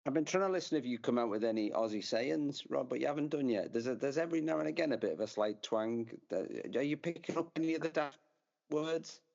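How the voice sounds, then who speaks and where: A man's voice: medium pitch, lively intonation, fast, gravelly, darkish tone, highs cut off. A man hosting a podcast, asking questions in a friendly, conversational way. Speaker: podcast host. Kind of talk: casual interview.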